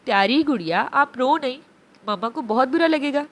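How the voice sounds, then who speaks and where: A woman's voice: high-pitched, lively intonation, normal speed. A woman voicing a tender young stepmother. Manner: soft, tender, soothing. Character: gentle young woman, loving new stepmother.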